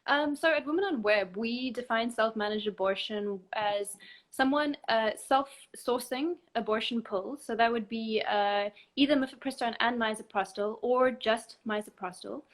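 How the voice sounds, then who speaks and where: A woman with a fairly high voice speaks as a guest in a live online chat. She explains things calmly and methodically, one step at a time, in a measured instructive way. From South Africa. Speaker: abortion help desk counsellor, guest expert.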